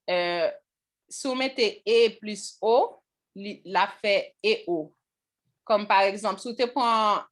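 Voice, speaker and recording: A woman teaching a language class on pronunciation, pausing often to check whether the students follow. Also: medium pitch.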